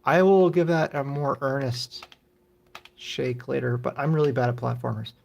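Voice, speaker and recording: A man's voice: medium pitch, steady tone, normal speed, vocal fry, darkish tone. A middle-aged man live-streaming retro games, rambling offhand and swearing casually as he plays. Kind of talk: casual gaming commentary.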